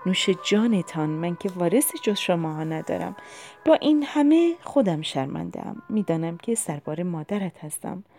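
A gentle, wistful old aunt speaks in a low, gravelly, mellow voice, as a woman narrator puts her on. Her words come soft and measured, tender with quiet regret. Faint music runs under the storybook reading. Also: very animated.

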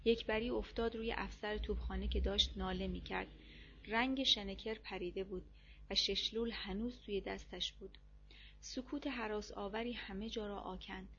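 A woman narrating a novel aloud in steady, measured storytelling. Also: mid-range voice, dull audio, a little hiss or hum. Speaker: audiobook narrator. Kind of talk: reading a war novel aloud.

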